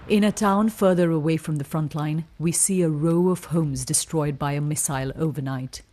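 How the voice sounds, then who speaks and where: A woman reporting as a war correspondent, narrating a scripted frontline news report in a grave, measured way. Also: deep voice, dark tone.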